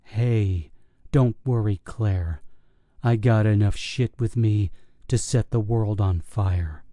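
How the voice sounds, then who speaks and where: A man doing a cocky low-voiced soldier. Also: takes it slowly, dark tone, no echo, clean studio sound. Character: cocky male soldier with explosives.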